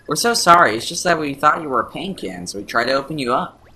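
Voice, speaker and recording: A man's voice: on the high side, expressive, fast, pushed and bright, slightly rough, full character voice. A man doing a prim, polite princess. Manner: polite, slightly flustered. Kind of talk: let's play voice-over.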